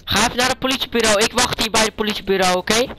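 A male vlogger giving live gaming commentary, making urgent, hurried calls to a teammate. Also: high voice, background noise.

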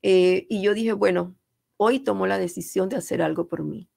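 A middle-aged Panamanian woman speaks as a guest in a studio interview, earnest and emphatic, often repeating a phrase to drive it home. Her voice has a gravelly, fry-touched edge. The sound is close and dry, with no room around it. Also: medium pitch, normal speed, warm tone, no room sound. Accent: Panamanian Spanish. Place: radio studio.

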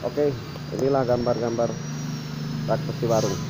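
A man talks through his metalwork plainly and methodically, listing sizes and materials one after another. His voice sits at an ordinary middle pitch. A heavy wash of noise runs underneath him the whole time. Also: fairly even intonation, normal speed. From Indonesia. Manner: plain, explaining measurements step by step. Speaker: workshop owner showing his work. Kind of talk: casual narration over workshop footage. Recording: loud background noise.

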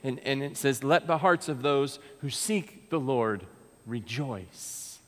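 With a medium pitch, lively intonation and slow pace, an American pastor in his thirties delivers his sermon from a pulpit in a large sanctuary. The tone is earnest and conversational, and he restarts frequently. A far camera records the pulpit mic, and a long reverb trails through the church.

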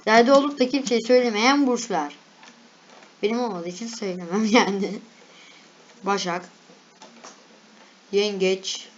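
A woman's voice: mid-range voice, muffled recording, a little hiss or hum. A young woman casually reading and reacting to lists aloud, chatty and laughing at herself. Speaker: vlogger.

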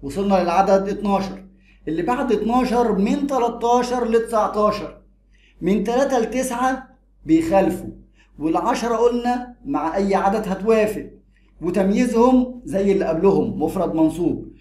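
Man, Egyptian accent, lively grammar teacher, high voice, roomy echo. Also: fairly quick. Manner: lively, repeats and drills rules. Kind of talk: explanatory grammar lesson.

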